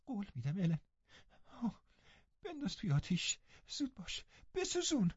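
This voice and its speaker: A man's voice: sits high, huge pitch swings, breathy edge, no echo, lo-fi sound, pitched above the performer's own voice, heavily acted. A man voicing a distraught teenage girl who pleads breathlessly between sobs, in an audiobook reading. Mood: desperate.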